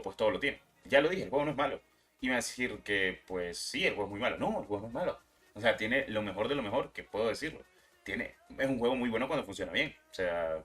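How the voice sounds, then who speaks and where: A man's voice: fairly low pitch, a bit bright. A young man, hosting a gaming channel and ranting heatedly in casual, profane commentary.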